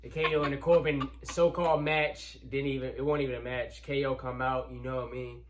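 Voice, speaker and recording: A man's voice: medium pitch, little pitch movement, brisk, background noise. Man, co-host, laid-back, repeats words, casual chat. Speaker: co-host of a wrestling reaction channel.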